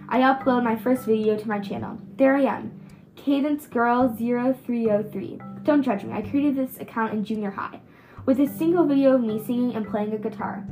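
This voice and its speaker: A woman's voice: a little high, rough recording. A woman casually reading a novel aloud, sometimes stumbling and restarting over words. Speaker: reader.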